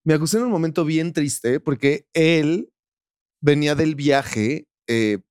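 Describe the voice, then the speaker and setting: A man with a Mexican accent, a talk-show guest telling a personal story in a casual, animated way, acting out the lines of the people in it. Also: a little high, a little slow, clear, resonant tone, no echo, clean studio sound. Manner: animated, acts out quoted dialogue.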